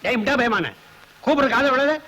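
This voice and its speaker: A barking, abusive husband. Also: male voice, very high voice, fast talker, pushed and bright, full character voice, poor audio. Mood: angry. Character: cruel bullying husband, harsh and shouting. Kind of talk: dubbed film acting.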